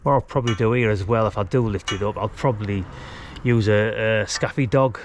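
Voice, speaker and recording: With a fairly low voice and a slightly fast pace, a middle-aged man chats casually while demonstrating a DIY job outdoors next to a brick house wall. He's an amateur radio hobbyist filming a video, rambling and thinking aloud in a relaxed, colloquial way. Traffic noise runs through the outdoor recording.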